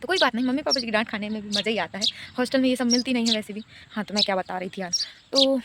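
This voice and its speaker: A woman's voice: on the high side, very fast, very noisy. A young woman who is unwell, chatting playfully in a casual home vlog, laughing often. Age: young adult. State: unwell with a fever. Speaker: vlogger. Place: family home, indoors and outdoors.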